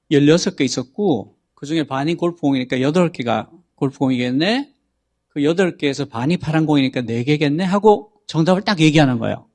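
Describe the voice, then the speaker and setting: A man's voice: fairly high pitch, a little mellow. A man explaining how a chatbot works on a talk show, in a patient, explanatory manner. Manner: patient, explanatory, reads out example prompts. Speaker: guest explaining AI.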